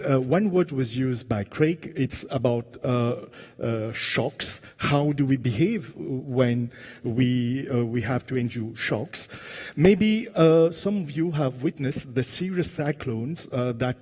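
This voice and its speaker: Man from Mauritius, panel moderator, husky dark voice, hesitant fillers, long hall echo. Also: mid-range voice. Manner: halting, many fillers, engaging the audience. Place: large conference hall. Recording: long reverb of a conference hall.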